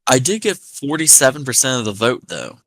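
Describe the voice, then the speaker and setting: A man's voice: mid-range voice, very animated, fairly quick, a bit bright, no echo, rough recording. A man with an American accent touched with Appalachian, telling anecdotes in a sweary, rambling casual chat. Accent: American, slightly Appalachian.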